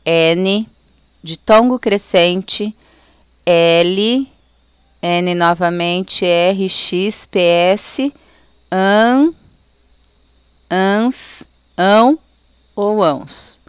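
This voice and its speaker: A woman teacher with a Brazilian accent, slowly explaining a recorded lesson to children. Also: medium pitch, clean tone, dry recording. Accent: Brazilian Portuguese. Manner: slow, careful explanation, reading out lists.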